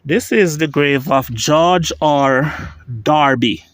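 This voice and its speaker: A Jamaican man strolls through an outdoor churchyard, reading old gravestones aloud in an unhurried, mid-pitched voice. His talk is slow and musing, and the sound is dry and close. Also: no room sound. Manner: reads grave inscriptions aloud, thinking out loud. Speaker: vlogger. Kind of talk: walking tour vlog.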